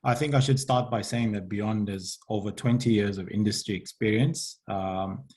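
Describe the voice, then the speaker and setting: A man's voice: lowish voice, steady tone, moderate pace, darkish tone. A man presenting on a video call webinar, speaking hesitantly with many filler sounds. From South Africa. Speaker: webinar presenter, investment advisor. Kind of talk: online business webinar talk. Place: home or office in London, remote.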